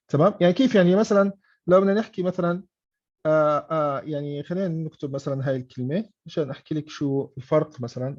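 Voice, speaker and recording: A man's voice: fairly high pitch, a little mellow. Man teaching English on a dull online call. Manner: mixes English and Arabic, frequent "okay?" checks. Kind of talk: online class explanation.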